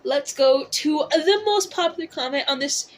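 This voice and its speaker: A drag queen host chatting casually to viewers about opinions and comments, rambling conversationally with theatrical, drawn-out emphasis. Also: sits high, slight background noise.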